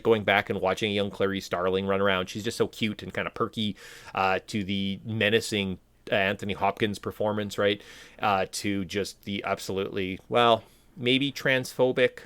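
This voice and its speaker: Casting note: male podcast co-host, lowish voice, dry close sound, eager rambling delivery. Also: fairly bright tone, no room sound. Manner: enthusiastic, rambling with fillers. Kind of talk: casual chat.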